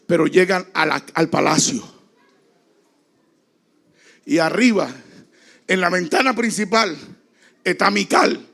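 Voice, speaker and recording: A man preaching a dramatic sermon as a pastor, acting out the voices in the story and rising now and then to a shout. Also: high-pitched, slow, vocal fry, pauses often. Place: church.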